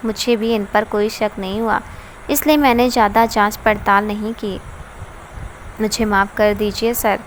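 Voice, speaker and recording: Woman narrator as a scared male employee begging forgiveness, soft and apologetic. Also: mid-range voice, fairly even intonation, measured pace, slight background noise, close to an everyday voice. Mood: pleading. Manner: pleading, apologetic. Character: frightened pleading male manager.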